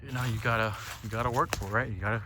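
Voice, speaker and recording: A solo podcaster on a lakeside trail delivers a very fast, casual monologue in a medium-pitched voice with fairly even intonation. He muses and rambles reflectively, swearing freely and often tagging phrases with "right?". Birds and outdoor ambient noise fill the background.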